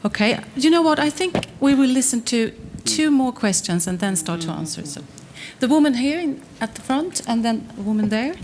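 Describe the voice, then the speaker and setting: Woman moderator, brisk panel chair, conference hall setting. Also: fairly high pitch, sing-song, darkish tone, slight background noise. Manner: brisk, directs questions.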